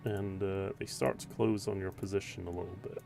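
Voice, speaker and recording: A low-voiced man runs a tabletop role-playing game as game master. He narrates casually and conversationally, with faint music behind him. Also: little pitch movement, fairly quick, creaky.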